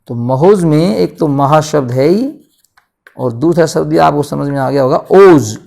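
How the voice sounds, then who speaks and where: Hindi-accented man teaching, mellow voice. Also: on the high side, animated, gravelly. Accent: Hindi, north Indian. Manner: explains by asking questions and answering them himself; stretches words out slowly to show pronunciation. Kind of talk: board lesson.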